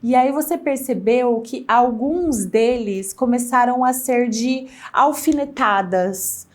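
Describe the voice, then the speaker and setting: A woman talks on a studio talk show, and her voice sits a bit higher than most. She speaks with animation and throws herself into the points she makes. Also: takes it slowly. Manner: animated, acts out quoted remarks with exaggerated voices. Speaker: guest commentator on social media.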